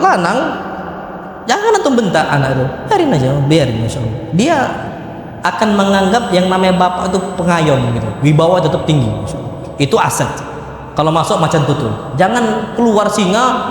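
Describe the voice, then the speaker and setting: A man gives a lively, joking sermon in a large mosque hall, his high voice leaping even higher when he lands a punchline. The room rings with heavy echo and a long reverb tail. A faint ambient murmur sits underneath. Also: slight background noise. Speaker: preacher. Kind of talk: mosque study-circle sermon.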